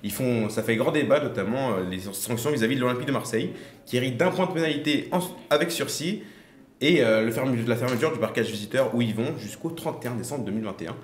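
A man's voice: mid-range voice, fast talker, reverberant, a little hiss or hum. A man hosting a football panel show, introducing segments and handing over to guests. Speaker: host.

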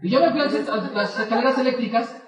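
Animated storytelling man in an echoey hall. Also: extremely high pitch, quick pace, distant mic. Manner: animated, acts out both sides of dialogues. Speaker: motivational speaker. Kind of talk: storytelling talk to an audience.

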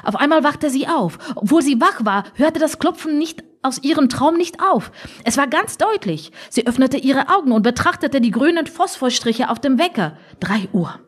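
A woman reading a story aloud with expressive, dryly humorous narration. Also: sits high, moderate pace. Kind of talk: scripted audiobook narration.

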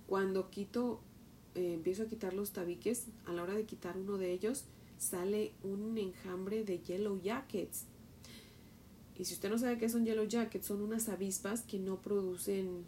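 A woman's voice: mid-range voice, measured pace, a little hiss or hum. Mexican woman telling a story in a sermon. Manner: storytelling, animated retelling, asks "¿verdad?". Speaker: Bible teacher. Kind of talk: Bible teaching with a personal story.

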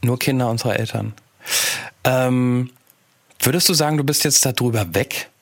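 A man co-hosting a podcast, questioning and halting, with frequent restarts. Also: medium pitch, dry recording, clean studio sound. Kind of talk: podcast conversation.

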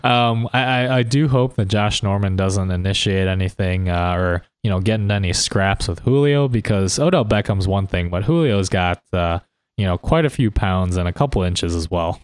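A deep-voiced man co-hosts a sports podcast about fantasy football, speaking casually and a bit hesitantly on a close mic. His delivery is smooth at normal speed, with no echo.

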